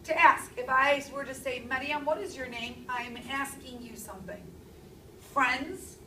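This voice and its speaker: A woman in her thirties, with a fairly high voice, teaches a language lesson at an unhurried pace and puts strong stress on her key words. A camera captures her from a distance across an echoey classroom, with a steady hum of room noise underneath.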